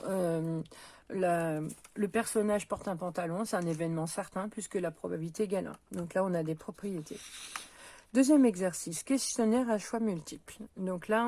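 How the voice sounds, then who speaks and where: A woman teaching a middle school math lesson, working through probability exercises out loud in a patient, step-by-step way with many small hesitations. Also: mid-range voice, no room sound. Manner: patient, talks while counting and pointing things out, frequent "euh" and "donc". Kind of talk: recorded lesson, correcting exercises aloud.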